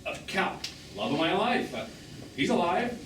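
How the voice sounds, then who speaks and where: Playing a wounded middle-aged man on stage, this actor sounds mournful and wistful, his high voice swinging widely in pitch at a normal pace. The live drama was recorded from a distance in a small theatre, leaving it echoey and noisy.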